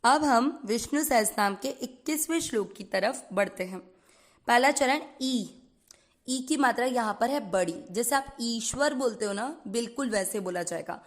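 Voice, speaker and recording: A woman teaching Sanskrit pronunciation. She breaks each word into syllables and then chants the whole verse slowly, mixing English words into her Hindi. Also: a little high, expressive. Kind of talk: slow syllable-by-syllable recitation lesson.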